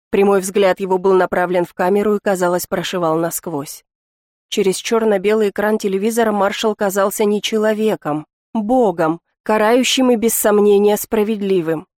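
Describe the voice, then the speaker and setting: A woman reading a first-person audiobook in a measured, intimate storytelling manner. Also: medium pitch, a little mellow, no room sound, clean studio sound. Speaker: audiobook narrator.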